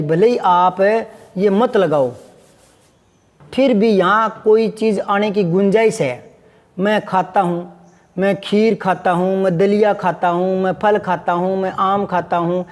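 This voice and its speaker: A man's voice: high voice, fairly even intonation, a little slow, big-room sound. A man teaching Hindi grammar, patiently repeating examples and asking his students questions. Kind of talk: classroom lesson.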